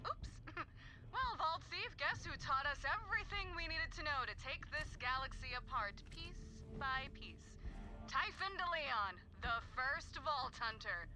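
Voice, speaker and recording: A woman's voice: high voice, animated, unhurried, sharp tone, soft background music, full character voice, rough recording. An actress playing a cruel, smug young woman villain in a video game, with a mocking, snotty manner.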